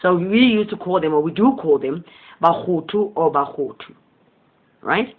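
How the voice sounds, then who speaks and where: Speaking at a moderate pace in an animated, medium-pitched voice, this motivational channel host delivers a laid-back spiritual monologue. The audio sounds tinny, like a phone. A first-language Southern Sesotho speaker, he's gentle and sincere, wanders from point to point, and laughs softly a lot.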